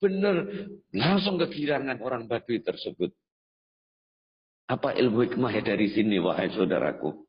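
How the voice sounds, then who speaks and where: A man's voice: lively intonation, normal speed, pauses often. Dramatic Indonesian-style preacher man, echoing hall. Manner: dramatic storytelling, acting out the figures with big pitch swings and chanted phrases. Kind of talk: storytelling sermon. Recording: dull reverberant hall sound.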